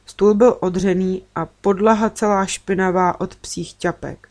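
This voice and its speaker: A woman narrating a first-person children's story in a steady, measured way. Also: medium pitch.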